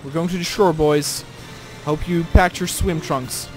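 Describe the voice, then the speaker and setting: A man playing a co-op game with friends, loud, excitable and swearing. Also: fairly high pitch, a little slow, soft background music. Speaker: gamer playing co-op. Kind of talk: excited gaming banter.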